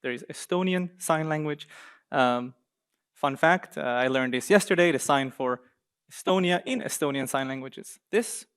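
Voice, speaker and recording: A young man from Israel giving a conference talk on slides in a university seminar room, lively and joking with the audience now and then. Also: on the high side, normal speed, smooth. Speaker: guest speaker.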